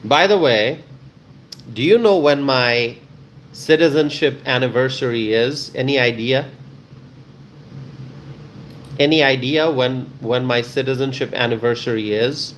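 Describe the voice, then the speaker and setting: Chatting casually with his livestream audience, a man from Bangladesh goes through their comments one by one and responds, leaning on repetition for emphasis. He talks at normal speed with a medium-pitched voice, and there's slight noise in the background.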